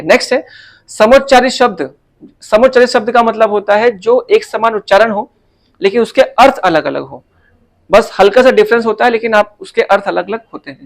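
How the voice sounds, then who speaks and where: High-voiced teacher. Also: male voice. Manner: explains step by step, with many tag questions and fillers. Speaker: Hindi language teacher. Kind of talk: casual exam answer walkthrough.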